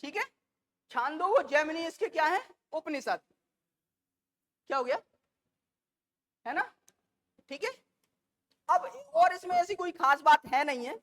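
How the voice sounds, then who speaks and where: A woman teacher lecturing a class, repeating and dictating key terms slowly and addressing the students affectionately. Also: sits high, expressive, a little hiss or hum. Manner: calls students "beta" and "bachche".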